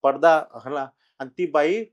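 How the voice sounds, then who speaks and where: Higher-voiced middle-aged man recounting a haunting. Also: lo-fi sound. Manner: halting, with many fillers and restarts, rising louder at tense moments. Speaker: guest telling his own ghost experience. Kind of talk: casual storytelling in an interview.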